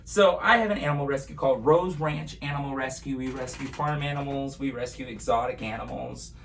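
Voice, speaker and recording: A brisk, gravelly man's voice of medium pitch and fairly bright tone hosts a live magic show at home in his apartment. Chatty and playful like a kids party magician, he addresses viewers as "guys," recorded on a distant mic with noisy room ambience.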